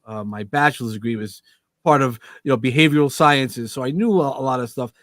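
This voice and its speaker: A man's voice: medium pitch, brisk, no room sound. A middle-aged man with a Brooklyn New York accent, talking animatedly as a guest over a video call. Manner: animated, joking, self-interrupting. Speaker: podcast guest. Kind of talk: casual interview chat.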